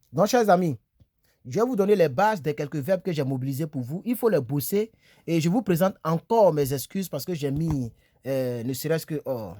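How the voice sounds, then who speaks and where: A man giving a casual video lesson on English verbs from his bed, repeating words slowly and checking in with his viewers. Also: fairly high pitch, dark tone, no room sound, studio quality. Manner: chatty, repeats words slowly, asks "tu vois, non?". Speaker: English teacher. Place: small room, on a bed.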